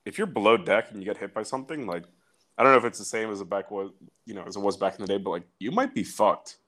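A man's voice: on the low side, fast, a bit bright. A young man co-hosting a casual podcast, reading war facts aloud with loose, profane asides. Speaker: podcast co-host. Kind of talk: casual chat.

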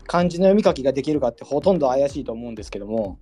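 A man hosting a casual online audio chat. He talks quickly in a mellow, fairly high voice. He asks his questions politely and hesitantly, with lots of fillers. Faint music plays behind him. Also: expressive. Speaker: podcast host.

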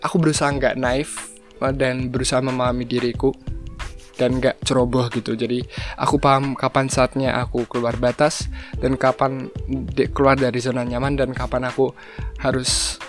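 A young man hosting a casual solo podcast, talking in a relaxed way and slipping in English phrases. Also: medium pitch, normal speed, pauses often, soft background music. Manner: relaxed, mixes English phrases, frequent fillers. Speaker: podcast host.

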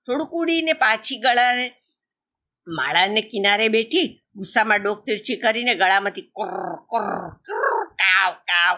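Bright-voiced woman telling a story. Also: medium pitch. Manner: lively, animated telling. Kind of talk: expressive children's story narration.

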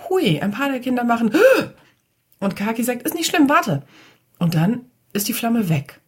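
A woman's voice: on the high side, lively intonation, moderate pace, a little mellow, slightly rough. A woman narrating a children's story in a chatty, casual way, often turning to talk to the listeners. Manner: chatty, addresses listeners directly.

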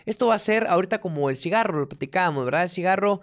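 A man co-hosting a casual conversation with his partner, explaining things calmly and listing examples. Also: high-pitched, rapid-fire. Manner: calm, explanatory, lists examples. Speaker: podcast co-host.

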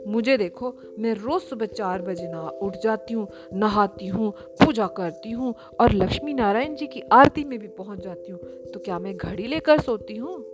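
A woman voicing a gentle, wise old grandmother who coaxes a child fondly in a storybook tale. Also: mid-range voice, expressive, normal speed, few pauses, over music, natural voice. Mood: coaxing. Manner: fond, coaxing storyteller.

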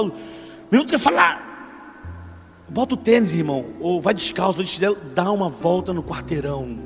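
A middle-aged man preaching a sermon with a Rio de Janeiro accent, fervent, calling listeners brother and swinging between hushed asides and loud outbursts. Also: high-pitched. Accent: Rio de Janeiro Portuguese. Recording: long hall reverb with faint music.

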